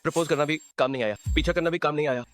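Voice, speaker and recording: A man's voice: on the high side, rapid-fire, soft background music, natural voice. A man voicing a young worker stuck in a time loop, exasperated and muttering to himself in a dubbed drama. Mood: weary scheming. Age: young adult. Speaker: time-looping young hero.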